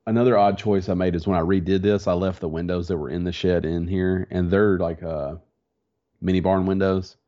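A podcast co-host with a low, warm voice and a steady tone talks briskly in a casual, slangy, relaxed chat. Slight congestion from a stuffy nose colors his voice. The recording is dull and lo-fi, made in a small home office in a converted barn.

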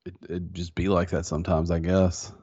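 Speaking at a moderate pace, this man has a deep, somewhat mellow and slightly rough voice with little pitch movement. He co-hosts a podcast in a relaxed, slangy casual chat, his voice a bit congested from a stuffy nose. The sound is dull and lo-fi, from a small home office in a converted barn.

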